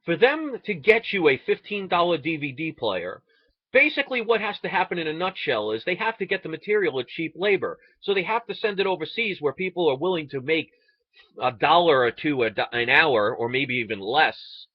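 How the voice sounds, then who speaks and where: Casting: American male ranter, higher voice with big swings, sarcastic and indignant, dull dry lo-fi recording. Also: sing-song, brisk, husky, no room sound. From United States. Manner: indignant, sarcastic, rhetorical questions. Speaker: online video ranter. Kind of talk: impassioned political rant.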